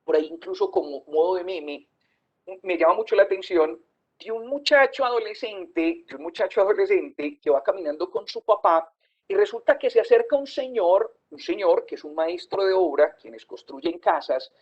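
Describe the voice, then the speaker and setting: A woman's voice: lowish voice, lively intonation, normal speed, a little mellow, breathy edge, lo-fi sound. A woman giving an online teacher-training lecture, emphatic and putting questions to her audience. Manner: emphatic, questions the audience and reads their comments. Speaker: university lecturer.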